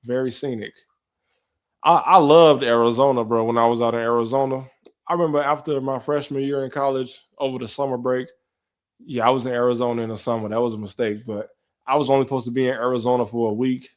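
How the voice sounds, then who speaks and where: Young man, casual live stream host, relaxed slangy chat, mid-pitched voice. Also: quick pace. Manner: relaxed, slangy, talks to his dog in a high coaxing voice. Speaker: livestream host.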